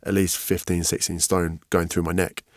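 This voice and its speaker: A man, a podcast guest, telling his story candidly and frankly, getting animated when he quotes other people. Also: sits low, moderate pace, no echo, studio quality. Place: podcast studio.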